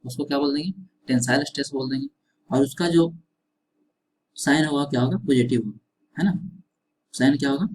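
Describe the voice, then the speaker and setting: A man's voice: mid-range voice, fairly quick, long pauses, a little mellow, slight background noise, rough recording. Man lecturing, questions and answers himself. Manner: repeats questions and answers, frequent tag "है ना". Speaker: engineering teacher. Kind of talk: classroom lecture.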